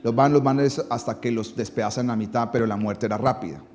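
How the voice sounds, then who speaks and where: A man's voice: medium pitch, brisk, darkish tone. A man preaching a sermon as pastor, dramatic, with his voice rising and falling for emphasis.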